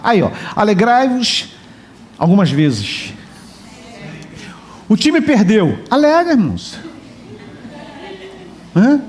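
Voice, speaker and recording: Lively pastor preaching. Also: male voice, extremely high pitch, slight background noise. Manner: lively, joking and chatty with the congregation. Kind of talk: sermon. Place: church hall.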